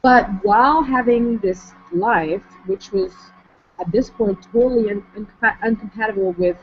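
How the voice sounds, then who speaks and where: French-accented woman, measured and muffled. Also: mid-range voice. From France. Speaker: interview guest. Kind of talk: online interview conversation. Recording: muffled lo-fi audio with faint noise.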